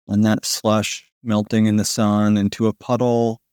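A man narrating a guided sleep meditation in a slow, soothing manner with long pauses, like a sleep story narrator. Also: lowish voice, flat delivery, a little mellow, clean tone, no echo, studio quality. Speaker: podcast host guiding a sleep meditation.

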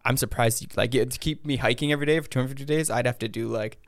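An American man with a raspy vocal fry, chatting casually and ramblingly as a podcast guest. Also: medium pitch, very fast, no echo, clean studio sound. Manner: rambling, hedging, self-interrupting. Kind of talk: casual interview chat.

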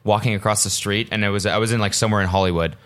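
Low-voiced jokey podcast host. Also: male voice, steady tone, rapid-fire, a bit bright. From Canada. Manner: loose, jokey, swears freely. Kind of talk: casual podcast chat.

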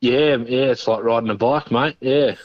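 A man's voice: mid-range voice, moderate pace, no room sound. A middle-aged Australian man giving a casual phone interview in a laconic, understated outback drawl. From northern New South Wales, Australia. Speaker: interview guest, machinery operator. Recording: dull phone line.

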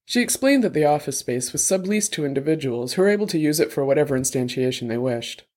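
A man's voice: a little high, expressive, fast talker, darkish tone. Man narrating a detective story. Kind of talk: scripted audiobook narration.

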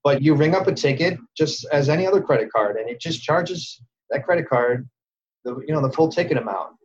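A man's voice: fairly high pitch, lively intonation, brisk, husky, lo-fi sound. A man who owns an independent movie theater, talking casually and chattily in an interview, with fillers. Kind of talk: interview recollection.

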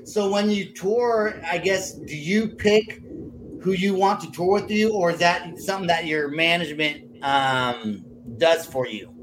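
Man, fairly high voice, informal podcast host, loose conversational questions, noticeable background noise. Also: measured pace. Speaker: interview host. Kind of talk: casual interview chat.

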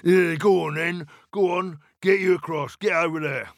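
A man doing a booming greedy troll. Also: steady tone, no echo, clean studio sound, lightly acted. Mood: gruff. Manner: booming, slow and menacing. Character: big greedy male troll under a bridge.

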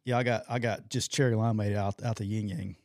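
A man's voice: on the low side, fairly even intonation, a little fast, darkish tone, no echo, clean studio sound. A man hosting a casual sports show, talking in an informal, folksy, colloquial way. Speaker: sports podcast host.

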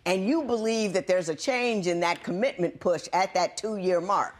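A woman from Ohio presiding as a court show judge, questioning a couple in an animated, expressive way. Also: moderate pace. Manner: animated, expressive, swoops up high when excited.

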